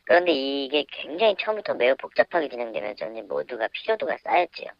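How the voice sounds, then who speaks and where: A male professor speaking anonymously on the phone, his voice disguised with pitch shifting, explaining in a hesitant, measured way. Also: very animated. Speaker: university professor, interview guest. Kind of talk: phone interview. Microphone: telephone. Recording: muffled phone line.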